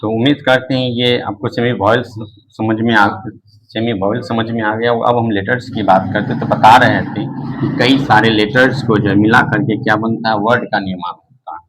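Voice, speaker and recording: Background noise sits under this man's low-side, fairly even voice, delivered at normal speed. In a Hindi-language lesson on English, he answers the questions he asks, with many restarts and repeats and fillers such as "nahin."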